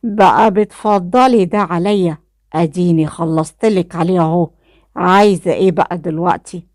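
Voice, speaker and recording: A woman voicing a cruel, jealous young man with an Egyptian accent who talks slowly with a sneer. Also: lowish voice, dry recording, studio quality, natural voice. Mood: menacing. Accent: Egyptian Arabic. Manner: slow, sneering and loud.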